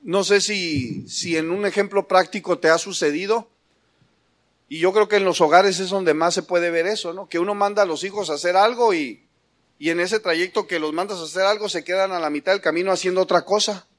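A man's voice: high-pitched, brisk. A man preaching a sermon, firing rhetorical questions at the congregation and calling them brother, building to emphatic passages. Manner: rises to emphatic, louder preaching.

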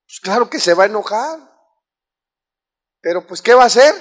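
High-voiced Mexican pastor preaching. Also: male voice, expressive, moderate pace. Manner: preachy, many rhetorical questions, swings between loud and soft. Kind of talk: sermon to a congregation.

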